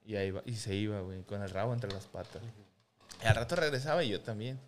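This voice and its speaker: A man with a Mexican accent in casual chat, swearing and telling animated stories about his sons. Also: lowish voice, quick pace, noisy background. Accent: Mexican Spanish. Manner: swearing, animated storytelling with voices for his son. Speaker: father.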